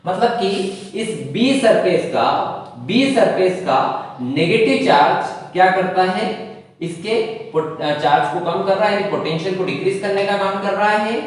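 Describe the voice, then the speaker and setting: A hoarse male teacher explains a lesson, asking his students question after question and then answering them himself. His voice sits a little high for a man. It reaches the mic from a distance and rings through a large, echoing room. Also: expressive, measured pace. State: sore throat. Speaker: physics teacher. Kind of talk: classroom lecture. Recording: echoey hall, voice from far off.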